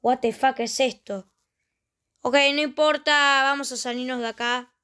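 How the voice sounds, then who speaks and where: Brief: Rioplatense woman host, let's play commentary, high voice, chatty and exclamatory. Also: steady tone, a little slow, pushed and bright. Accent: Rioplatense Spanish. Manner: chatty, exclaiming often while playing. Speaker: gaming channel host.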